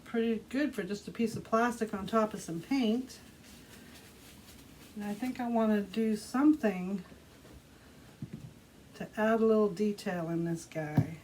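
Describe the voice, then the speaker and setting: With a soft, mellow, steady voice of average pitch, this art tutorial host chats through a hands-on craft demo, unhurriedly explaining each step as she performs it. The recording is rough, with noticeable noise behind her.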